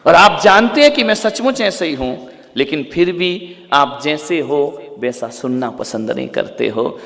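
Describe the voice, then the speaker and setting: A man, a Jain monk, giving a sermon to a live audience, dropping to hushed asides and rising to long drawn-out shouts, often putting questions straight to his listeners. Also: mid-range voice. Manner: asks the listeners direct questions. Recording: long hall reverb.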